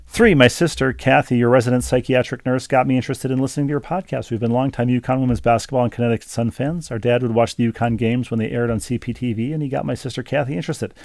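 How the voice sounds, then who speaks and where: Podcast host, male, gravelly voice, dry close sound, casual letter reading. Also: mid-range voice, steady tone, quick pace, hardly any pauses, darkish tone, no room sound. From Minnesota. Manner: reads letters aloud with chatty asides. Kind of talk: casual podcast chat, reading listener mail.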